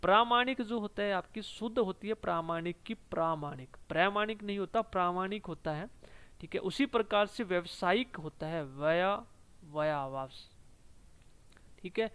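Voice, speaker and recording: A man teaching a spelling lesson for exam prep, saying each word slowly twice and tagging lines with "ठीक है". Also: sits high, fairly bright tone, clear, resonant tone.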